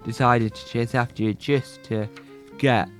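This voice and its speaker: A man's voice: mid-range voice, fairly even intonation, measured pace, a bit bright, soft background music, pitched below the performer's own voice, natural voice. A man voicing an earnest, persistent male talking badger, rambling as he explains himself.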